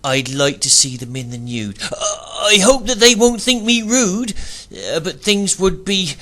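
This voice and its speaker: A man's voice: sits high, big pitch swings, a little slow, pushed and bright, voice pushed up, exaggerated voice. A man voicing a shy young shepherd in a rhyming storybook, hesitant and trembling, stumbling over his words. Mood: sheepish.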